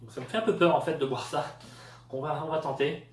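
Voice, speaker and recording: A man from France talks through a casual product review, pausing often on fillers as he tastes and rates things. His voice sits a little high for a man. The sound is roomy and echoey, with him set back from the mic. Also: steady tone. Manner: hesitant, many fillers. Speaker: product tester. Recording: echoey room, voice a bit far from the mic.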